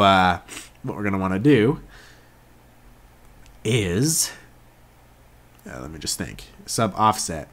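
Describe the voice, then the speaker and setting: A young man hosting a casual software tutorial, laid-back and jokey, often correcting himself as he works along. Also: lowish voice. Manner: laid-back, jokey, self-correcting, talks while working. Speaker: tutorial host.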